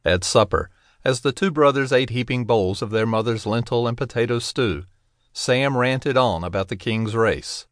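A man narrating a children's audiobook in a gentle, expressive storytelling manner. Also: medium pitch, normal speed, no echo, studio quality.

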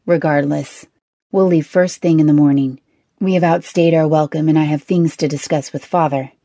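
A woman narrator voicing a young nobleman who speaks in a calm, commanding and slightly amused way, pitched a little lower than her narration. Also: brisk, no room sound, close to an everyday voice.

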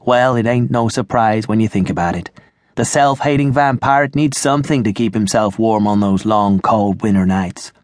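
A man's voice: lowish voice, moderate pace, darkish tone, dry recording, studio quality, lightly acted. A man voicing an easygoing male vampire with a folksy, slangy drawl in an audiobook. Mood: wry. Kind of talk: audiobook character voice.

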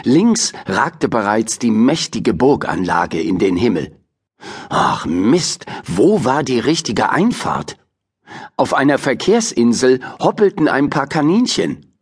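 A man narrating a children's audiobook with expressive, playful storytelling. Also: mid-range voice, slow pace, slightly rough.

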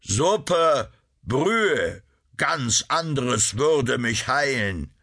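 A man's voice: mid-range voice, sing-song, unhurried, sharp tone, voice pushed up, exaggerated voice. A man voicing a cunning sultan who fakes a dying slave's hollow, sing-song voice in an audiobook. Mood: wheedling.

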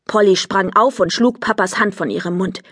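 A woman narrating a children's audiobook in a lively, expressive storytelling manner. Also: medium pitch, moderate pace, husky, no echo, clean studio sound. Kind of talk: scripted narration of a children's book.

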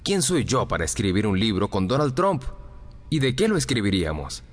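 A man reading a first-person audiobook story in an expressive storytelling manner. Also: fairly low pitch, brisk, soft background music. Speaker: audiobook narrator. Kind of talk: scripted first-person narration. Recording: long reverb on the voice.

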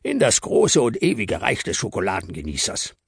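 A man's voice: lowish voice, huge pitch swings, moderate pace, gravelly, breathy edge, dry recording, clean studio sound, full character voice. Man doing a pompous dreamy chocolate Santa. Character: dreamy, pious male chocolate Santa, self-satisfied.

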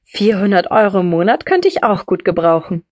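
A curious young woman in an audiobook, short on money and full of questions, as the narrator reads her. Her voice swings widely in pitch, recorded close and dry. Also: sing-song, fairly quick, darkish tone, dry recording. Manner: inquisitive, surprised questions.

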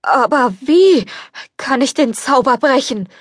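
A woman's voice: a little high, a little slow, dry recording, clean studio sound, lightly acted. A woman reading an audiobook, voicing a selfish, cruel young prince who speaks with scorn. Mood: begging.

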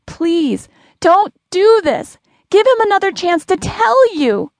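A woman narrator voicing a desperate woman in her thirties who pleads and screams in a dream, high and strained. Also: sing-song, takes it slowly, no echo, studio quality, full character voice. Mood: pleading screams.

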